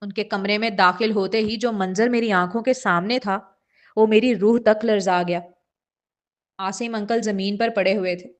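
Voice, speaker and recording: A woman's voice: medium pitch, steady tone, lightly acted. A woman voicing a frightened mother who confesses a past ordeal in a first-person audiobook reading, earnest and shaken. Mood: fearful.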